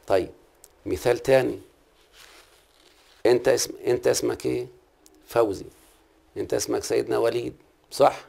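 Middle-aged Egyptian-accented male teacher, gravelly voice, patient classroom questioning. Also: mid-range voice, steady tone, normal speed, pauses often, dark tone. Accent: Egyptian Arabic. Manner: patient, quizzes the class and repeats key terms. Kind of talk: classroom lesson on Arabic prosody.

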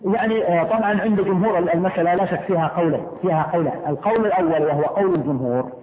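A man's voice: sits high, racing, a little hiss or hum. A man teaching a class, explaining step by step, repeating key points and putting questions to his students. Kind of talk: classroom lesson on law. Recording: echoey room, tinny phone-like sound.

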